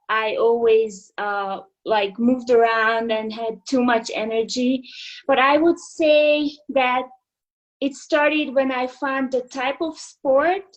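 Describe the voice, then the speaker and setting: A woman from Hungary, a fitness instructor in her thirties, speaking over a video call in an unhurried way with many fillers and restarts. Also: a little high, highs cut off. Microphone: video call microphone.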